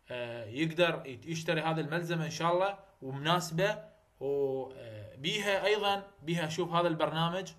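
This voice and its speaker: A man with an Iraqi Arabic accent teaching English vowel sounds, repeating example words slowly and coaching the viewer directly. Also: on the high side, fairly bright tone. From Iraq. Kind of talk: phonetics lesson.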